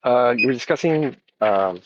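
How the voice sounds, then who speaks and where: A man in casual group chat who sounds like he is on speakerphone, asking hesitant, halting questions over a phone call. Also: medium pitch, lively intonation, slight background noise.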